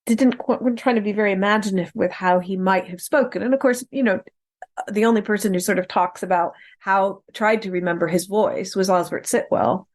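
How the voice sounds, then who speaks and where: Animated woman in casual film talk. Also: mid-range voice, brisk. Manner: animated, acts out quoted lines; many fillers and restarts. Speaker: podcast discussant.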